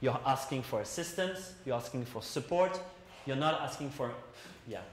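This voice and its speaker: A man's voice: mid-range voice, animated, measured pace. Male teacher in an echoey classroom. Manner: explanatory, chatty, asks the class questions. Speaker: English teacher. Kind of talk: classroom lesson. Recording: roomy classroom echo, faint noise.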